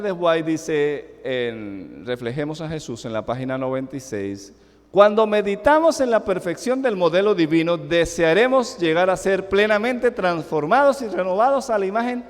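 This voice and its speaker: A middle-aged man with a Venezuelan accent preaching a sermon in a church, emphatic and full of rhetorical questions. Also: sits high. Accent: Venezuelan Spanish. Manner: emphatic, rising and falling sharply, with rhetorical questions. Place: church sanctuary. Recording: echoing church hall.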